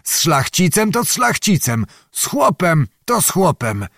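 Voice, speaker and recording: A man's voice: fairly high pitch, very animated, measured pace, vocal fry, a bit bright, dry recording, studio quality, pitched above the performer's own voice, full character voice. A man reading an audiobook, voicing a boastful, grumbling old nobleman with theatrical bluster. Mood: indignant.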